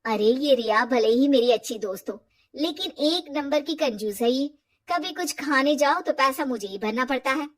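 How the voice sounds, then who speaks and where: A woman voicing a scheming, deceitful young woman in an animated story, sweet-talking her friend. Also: sits high, normal speed. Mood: sly. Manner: sweet-talking, fake crying when caught.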